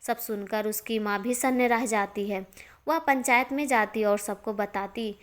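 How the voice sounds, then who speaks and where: A woman narrating a moral story in a steady, expressive storytelling manner. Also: on the high side, unhurried.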